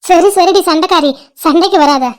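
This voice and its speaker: A woman's voice: very high voice, normal speed. A woman voicing a cheerful young woman in love who teases her sulking friend in a cartoon. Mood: teasing. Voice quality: breezy and teasing. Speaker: friend on an outing. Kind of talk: animated cartoon voice acting.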